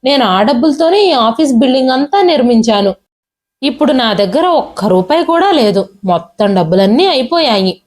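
A woman voicing an arrogant, cruel young man who harshly dismisses his father and shouts. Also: high-pitched, expressive, brisk. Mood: shouting.

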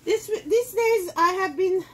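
Speaking at a measured pace in a very high-pitched voice, a middle-aged woman and native Armenian speaker hosts a cooking show that sells kitchenware. She chats casually through a demo in her home kitchen, her phrasing loose and full of fillers, with slight background noise.

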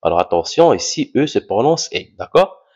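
A man teaching a reading lesson, slowly sounding out letters and syllables and repeating each word three times. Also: mid-range voice, very animated, a little mellow, breathy edge. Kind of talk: slow classroom reading drill. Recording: dull lo-fi recording.

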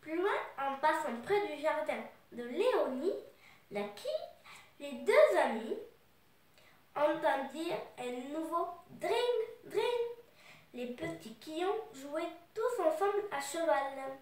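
High-voiced woman with a cold, reading. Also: expressive. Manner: loose, halting retelling with fillers. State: has a cold. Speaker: storyteller. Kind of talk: retelling and reading a children's book. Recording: echoey room, distant mic.

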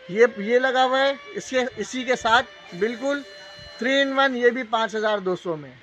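A man with a Pakistani accent giving a casual, unscripted live sales pitch as a shop salesman, repeating prices and tag phrases. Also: fairly bright tone. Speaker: shop salesman hosting a live sale video. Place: indoor appliance store, walking the aisles. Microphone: handheld phone. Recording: dull lo-fi phone audio, shop noise.

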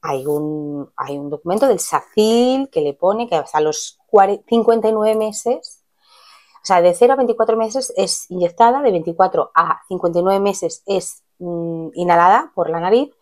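A woman's voice: on the low side, normal speed, a little mellow. A woman, chatting casually to camera in a rambling way, acting out what others said. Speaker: vlogger.

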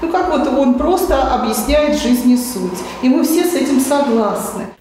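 A woman's voice: high voice, animated, moderate pace, mellow. A middle-aged woman explaining something spontaneously in an interview. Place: gallery room, indoors. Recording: very echoey hall with faint noise.

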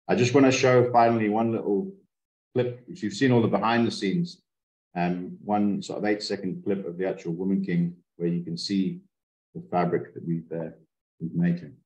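A man giving an online presentation on weaving, speaking a little haltingly. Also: low-pitched, fairly even intonation, darkish tone, muffled recording. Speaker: master weaver presenter. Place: indoors, video call. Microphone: video call. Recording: roomy video call audio.

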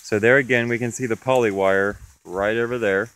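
Low, clear-voiced farmer outdoors. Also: male voice, fairly even intonation, normal speed, fairly bright tone, no echo. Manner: plain, matter-of-fact talk. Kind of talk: walking field tour, explaining. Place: outdoors in a pasture. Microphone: camera held while walking.

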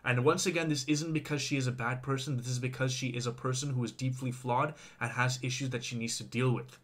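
A man's voice: medium pitch, fairly even intonation, a little fast. Man, vlogger, venting rant, heavy swearing, repeats himself, talks to viewers, mid-range voice. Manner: repetitive, speaks directly to viewers. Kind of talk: confessional rant to camera.

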